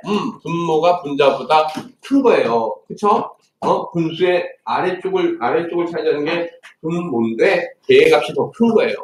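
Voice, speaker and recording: A man's voice: a little high, lively intonation, normal speed, few pauses. A man teaching math to children, telling playful stories and asking lots of questions. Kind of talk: classroom lesson for children. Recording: echoey room, distant mic, faint noise.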